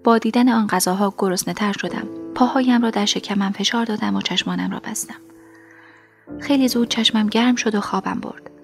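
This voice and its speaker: Woman narrator for a first-person audiobook; soft, half-whispered reading at a middling pitch. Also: creaky, soft background music.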